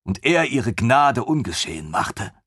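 A man voicing an eager, naive young male lieutenant in a fantasy audiobook, talking in an excitable, pompous way. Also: medium pitch, unhurried, slightly rough, dry recording, studio quality, voice pushed up, heavily acted. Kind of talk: audiobook character voice.

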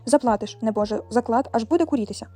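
A woman voicing a cunning, unhurried male hedgehog in a storybook reading, fast and warm. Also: fairly high pitch, natural voice. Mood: scheming. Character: sly calm male hedgehog, crooked-legged and clever.

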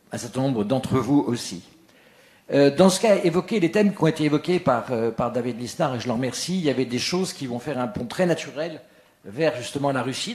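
A man's voice: mid-range voice, a little mellow. Hesitant moderator man in an echoey hall. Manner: hesitant, many fillers, long winding sentences. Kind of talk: panel moderation.

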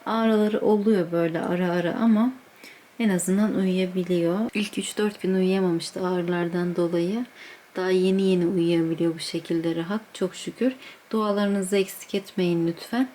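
A woman vlogging casually at home, speaking softly and gently while her child sleeps nearby. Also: fairly low pitch, fairly even intonation, moderate pace. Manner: soft and hushed beside a sleeping child. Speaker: vlogger, mother. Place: indoors at home. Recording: echoey room, faint ambience.

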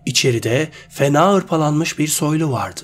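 A man reading a short fantasy story aloud in a steady, measured way. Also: fairly high pitch, a little hiss or hum.

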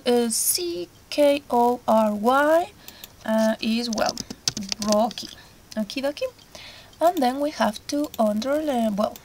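Woman teacher, kinda high voice, talks slow and patient through the exercises. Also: a little mellow, a little hiss or hum. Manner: slow, patient, explains step by step. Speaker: English teacher. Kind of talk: recorded remote lesson.

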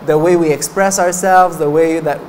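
In a meditation hall, seated in front of a banner with a stand mic before him, a French-Canadian monk in his thirties gestures as he gives a chatty dharma talk. His first language is French, and he laughs often between fillers during the meditation course session. The voice is on the high side and a little mellow, steady in tone at a moderate pace, with slight background noise.

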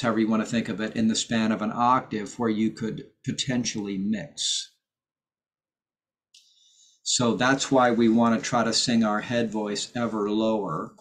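A man leading a choir's voice lesson over a video call, explaining technique patiently and stopping to sing examples. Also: on the low side. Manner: patient, explanatory, with sung demonstrations. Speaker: choir director and voice teacher. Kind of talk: online rehearsal vocal instruction.

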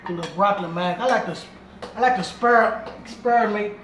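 A man's voice: sits high, a little fast, recorded from a distance. Chatty man cooking in a home kitchen. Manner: chatty, repeats himself while working; talks while moving around the kitchen. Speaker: home cooking show host. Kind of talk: casual cooking demonstration. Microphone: camera on tripod across the kitchen. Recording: roomy sound from a camera across the kitchen, noisy. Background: clatter of pots and dishes.

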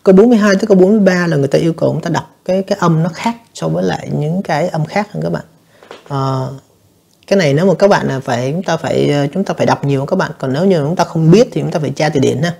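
A male teacher walks students through an exam review lesson. His voice is husky and a bit gravelly, and he speaks fast. He keeps explaining and turning to his listeners as he goes. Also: a little high, darkish tone. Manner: explanatory, addresses students repeatedly, frequent fillers. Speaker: English teacher.

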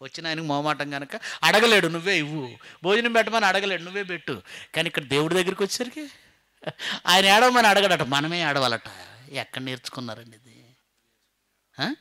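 A middle-aged man preaching a sermon, firing rhetorical questions and swinging from loud exclamations to quiet asides. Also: fairly high pitch, lively intonation, a little fast.

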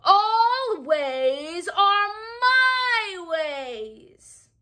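A woman's voice: very high-pitched, very animated, pitched above the performer's own voice, heavily acted. Woman playing the Queen of Hearts, shrieking. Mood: furious. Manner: slow, drawn-out yelling.

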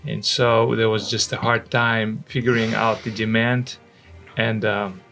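A man in his forties speaks English with a Russian accent. His voice sits a little low and has a strong vocal fry. He recounts memories conversationally into a close studio mic. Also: level tone, a little slow, a bit bright, faint music behind. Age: 40s. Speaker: interview guest, missionary. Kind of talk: conversational personal recollection. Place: indoor studio. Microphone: microphone on a stand, close.

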